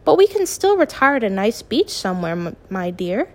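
A woman's voice: mid-range voice, very animated, moderate pace. A woman voicing a worried, protective middle-aged mother who frets and objects. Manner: fretful, objecting.

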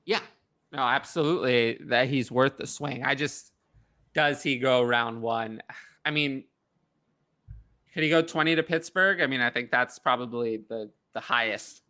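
A man co-hosting a casual sports talk show, chatting in an animated way. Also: mid-range voice, unhurried. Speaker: podcast co-host.

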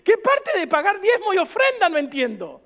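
A man's voice: extremely high pitch, wildly swooping pitch, normal speed, fairly bright tone. A man, a pastor preaching emphatically to a church, firing off rhetorical questions. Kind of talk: sermon.

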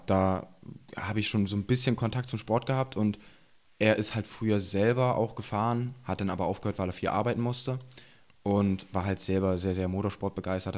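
A man's voice: lowish voice, a little mellow. A man in his twenties from eastern Germany, a podcast guest chatting casually, rambling, laughing often and using slang. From Saxony-Anhalt, Germany. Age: 20s. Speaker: podcast guest, enduro rider. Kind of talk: casual chat.

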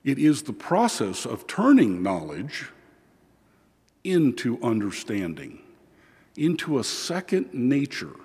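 A man preaching as a priest at church, reading scripture and giving a homily in a measured, deliberate way, with pauses. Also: medium pitch, wildly swooping pitch, darkish tone, slightly rough. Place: large church, indoors. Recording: long cathedral echo, large hall.

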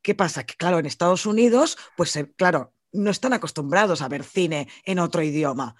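A man's voice: fairly quick, no room sound, studio quality. A man with a Spanish accent co-hosting a casual film podcast, talking animatedly and swearing casually. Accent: Spanish from Spain. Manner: animated, swears casually, rants with rising pitch. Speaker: podcast co-host. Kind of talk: casual film review chat.

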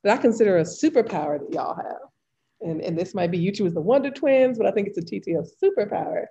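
Woman podcast host, enthusiastic and casual, mellow lowish voice, muffled lo-fi line. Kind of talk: conversational podcast interview. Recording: dull lo-fi sound.

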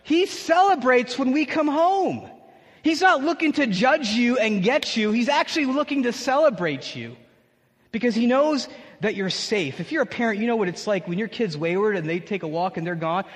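Guy preaching super casual and animated, pretty high voice, church hall echoing all around. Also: moderate pace. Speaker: pastor. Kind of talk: sermon.

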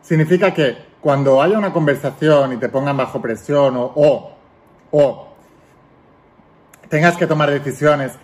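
Fairly high-voiced man coaching the viewer. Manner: direct, addresses the viewer as tú, demonstrates voices. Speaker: self-help coach. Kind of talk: motivational video lesson.

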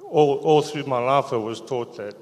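Middle-aged man, hesitant, halting delivery, mid-pitched, echoey church sound. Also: a little mellow. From South Africa. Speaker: church member giving testimony. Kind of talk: personal testimony in church. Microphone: handheld microphone.

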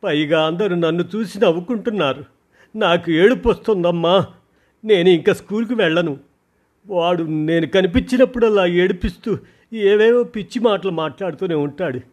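Tearful teen girl daughter, as a male storyteller puts her on: high, strained, pleading, loud. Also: normal speed. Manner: sobbing, pleading, high-pitched. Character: tearful frightened teenage schoolgirl daughter.

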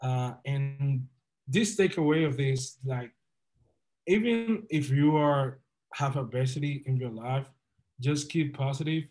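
Speaking slowly in a medium-pitched, somewhat dark voice, a young man from the Dominican Republic tells his story as a guest on a casual podcast. He's an entrepreneur, and his tone stays earnest, positive and motivational.

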